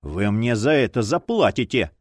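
A man's voice: mid-range voice, big pitch swings, normal speed, dry recording, studio quality. A man playing a fierce, desperate detective. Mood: furious. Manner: fierce, pleading. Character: desperate adult male detective.

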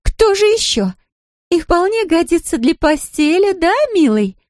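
A woman's voice: big pitch swings, measured pace, darkish tone, no room sound, studio quality, full character voice. A shrieking drunk jealous woman. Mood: drunken shrill. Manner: slurred, shrill, screaming.

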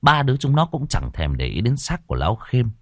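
A man's voice: medium pitch, wildly swooping pitch, fairly quick, fairly bright tone, dry recording, studio quality. A man narrating a dramatic audiobook story.

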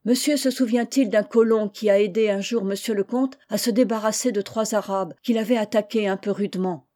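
A woman's voice: medium pitch, steady tone, fairly quick, warm tone, natural voice. A woman reading aloud and voicing a humble, polite grown man, a chimney sweep who speaks deferentially.

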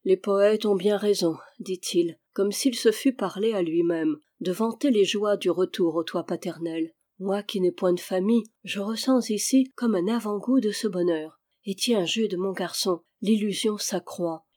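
Calm woman reading a classic novel. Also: medium pitch, a little slow. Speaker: audiobook reader. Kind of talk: audiobook narration of a classic novel.

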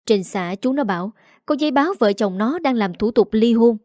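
Woman playing an older village mother, wailing, shrill cries, mellow dry voice. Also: lively intonation, normal speed, dry recording, lightly acted. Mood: angry.

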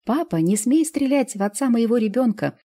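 A woman voicing a stubborn, fiery young woman who shouts and insists in an audiobook. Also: mid-range voice, animated, measured pace. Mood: shouting, indignant. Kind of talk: audiobook character voice.

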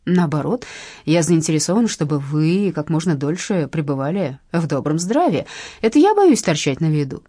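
A woman's voice: sits low, sing-song, normal speed, dark tone, dry recording, clean studio sound. A woman voicing an elderly, courteous male blackmailer who speaks in a ceremonious, politely menacing way, in an audiobook. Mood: smoothly menacing. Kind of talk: audiobook narration.

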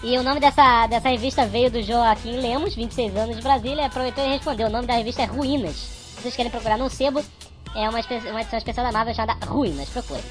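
A man co-hosting a podcast with his voice sped up like fast-forwarded tape, sounding like a chipmunk as he wryly reads listener emails. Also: very high voice, music in the background. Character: squeaky sped-up chipmunk male host.

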